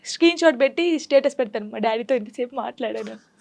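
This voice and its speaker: A woman's voice: a little high, creaky. A young adult woman talking candidly and emotionally as a guest in a casual interview. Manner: candid, emotional, quick storytelling.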